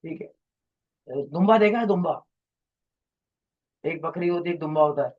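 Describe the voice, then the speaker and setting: Speaking at an ordinary pace, a male teacher whose pitch runs a little high gives a long, rambling, explanatory lecture. He keeps quizzing the class as he drifts between topics. The audio sounds muffled and low-fidelity.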